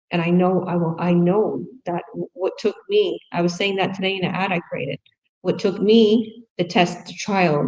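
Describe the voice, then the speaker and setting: A middle-aged woman from Canada giving a casual, enthusiastic sales pitch, chatty and full of restarts. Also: a little mellow. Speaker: online business promoter. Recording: dull lo-fi recording.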